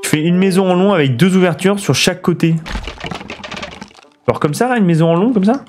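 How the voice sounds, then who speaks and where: Male streamer, casual game commentary, slightly high voice, faint music underneath. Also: a little fast, darkish tone. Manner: chatty, thinks aloud, reads chat. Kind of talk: casual let's play commentary.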